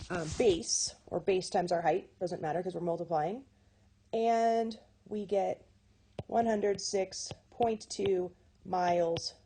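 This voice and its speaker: A woman's voice: mid-range voice, darkish tone, slightly rough. A woman teaching a recorded math lesson. She talks in a chatty way, often corrects herself and checks in with "okay?".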